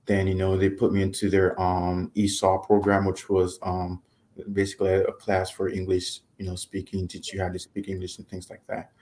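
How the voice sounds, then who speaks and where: A man in his twenties from Haiti, speaking as an interview guest. His voice sits fairly low, and he talks in a relaxed, easygoing way, chuckling now and then and filling pauses with plenty of ums. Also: a little hiss or hum. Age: 20s. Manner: relaxed, chuckling, with many fillers. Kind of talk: casual interview.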